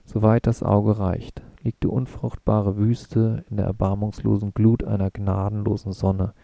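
A man voicing a brooding, searching young man in an audiobook, with a rough, earnest, musing way of talking. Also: lowish voice, level tone, measured pace, mellow, no room sound. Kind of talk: audiobook reading.

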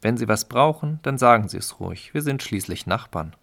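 A man's voice: medium pitch, expressive, fairly quick, gravelly, fairly bright tone. A man voicing a polite, determined female sparrow in a storybook reading. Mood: friendly. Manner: polite then resolute. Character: brave female sparrow, friendly, determined mother.

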